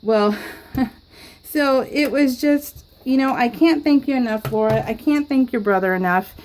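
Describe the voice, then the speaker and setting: Recorded at home on low-quality audio with a little hiss or hum, a scrapbooking vlogger from California tells a meandering story as she crafts, laughing often. Her voice sits high, is a little mellow, and is unhurried.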